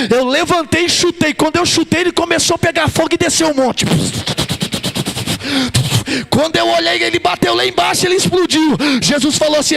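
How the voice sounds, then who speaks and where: High-voiced, fervent Brazilian pastor preaching. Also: male voice, creaky. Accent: Brazilian Portuguese. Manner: fervent, shouts and chants phrases. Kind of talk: Pentecostal sermon. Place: church.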